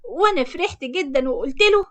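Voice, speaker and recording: A woman's voice: sits high, lively intonation, fast talker. A woman with an Egyptian accent narrating a first-person cartoon story in a confessional, matter-of-fact tone. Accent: Egyptian Arabic.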